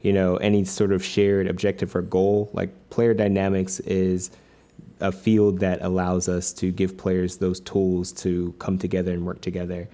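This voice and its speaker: Low, mellow-voiced man guest. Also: completely flat delivery, moderate pace. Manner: earnest, many "like" and "you know" fillers. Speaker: game designer guest. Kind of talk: casual interview.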